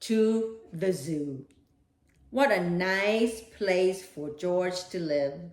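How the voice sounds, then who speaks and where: A woman's voice: on the low side, extremely slow, a little mellow, reverberant. A woman hosting a children's read-aloud, speaking in simple, direct phrases as if to young listeners. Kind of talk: expressive storybook read-aloud and talk addressed to children.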